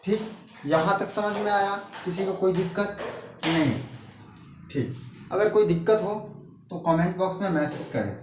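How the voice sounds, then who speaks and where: A man's voice: high voice, far from the mic. Man, tutor, repeats each point, answers own questions, faint background hiss. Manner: slow, repetitive, asks rhetorical questions and answers them. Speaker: English grammar teacher. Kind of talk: classroom-style Hindi grammar lesson. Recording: echoey room, voice off-mic with faint noise.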